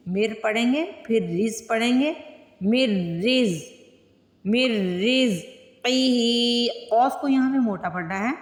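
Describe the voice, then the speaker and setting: A woman teaching Quran tajweed word by word, explaining each rule plainly and then reciting the words slowly with long drawn-out vowels. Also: medium pitch, a little mellow. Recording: echoey room with long reverb.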